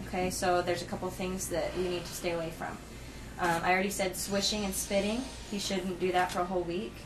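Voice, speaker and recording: A woman's voice: lowish voice, level tone, brisk. A woman working as a dental assistant, explaining aftercare instructions conversationally, step by step, and checking that she is understood. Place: indoor clinic treatment room. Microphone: camera held by another person, at a distance. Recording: noisy room, distant camera microphone.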